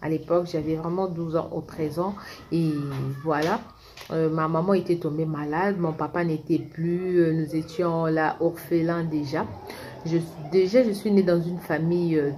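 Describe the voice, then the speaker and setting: A middle-aged woman from Congo tells a personal story to her viewers in a low voice. She is chatty and often breaks off to restart a sentence. A faint hum of background noise sits under the recording. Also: a little mellow. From Congo (Kinshasa). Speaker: vlogger. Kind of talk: casual storytime monologue.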